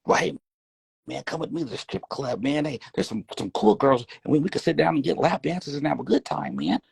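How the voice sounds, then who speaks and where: A man's voice: a little high, sing-song, brisk, vocal fry, darkish tone, breathy edge, exaggerated voice. A man voicing a pushy, nosy adult man who keeps prying with eager questions. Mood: coaxing.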